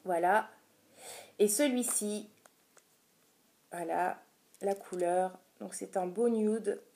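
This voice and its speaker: Mellow-voiced woman chatting through a haul. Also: mid-range voice, takes it slowly, a little hiss or hum. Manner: chatty, hesitant, many filler sounds. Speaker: beauty vlogger. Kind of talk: casual product haul vlog.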